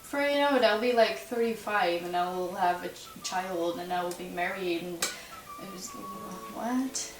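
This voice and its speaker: A 21-year-old Dutch woman, a native Dutch speaker with a Dutch accent, chats to camera as a YouTuber doing a tag video. Her mid-range voice swoops wildly in pitch at an unhurried pace, full of giggles, "likes" and "ums." The camera mic sits at a distance in a roomy space, with music and some noise behind her.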